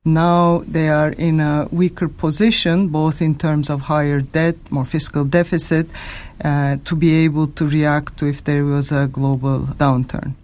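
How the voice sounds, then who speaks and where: A woman speaks as an expert in an interview. Her delivery is quite flat, with little movement in pitch. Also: measured pace. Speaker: economist interviewee. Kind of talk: interview talk.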